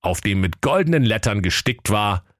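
A man's voice: on the low side, lively intonation, normal speed, dry recording, clean studio sound. A man narrating a comic fairy-tale parody in a mock-solemn storytelling manner.

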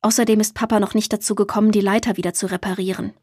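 A woman voicing a caring mother who insists gently but firmly. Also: mid-range voice, little pitch movement, very fast, slightly rough, no echo, clean studio sound, lightly acted. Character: caring mother, firm and practical.

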